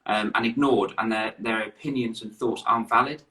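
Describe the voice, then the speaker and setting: A man's voice: lowish voice, fairly even intonation, fairly quick, pushed and bright, far from the mic, slight background noise. An English man hosting an online interview, upbeat and chatty, often repeating his words. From England. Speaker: host. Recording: echoey room, away from the mic.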